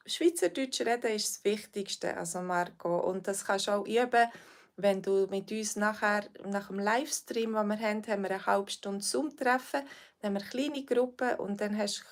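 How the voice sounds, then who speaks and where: Here's a Swiss language teacher taking questions from viewers during a livestream, her accent clearly Swiss. Her voice sits at medium pitch and moves at a normal speed, and she comes across as friendly yet unsure, often reaching for fillers.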